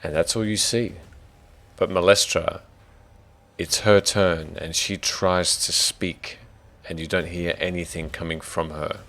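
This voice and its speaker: An Australian man narrating a tabletop game as dungeon master, thinking out loud and muttering to himself while he sets things up. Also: deep voice, fairly even intonation, measured pace.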